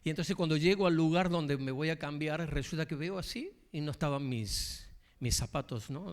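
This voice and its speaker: A man preaching a sermon as pastor, asking the congregation questions and telling a story from his workplace. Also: mid-range voice. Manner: storytelling, addresses the congregation directly.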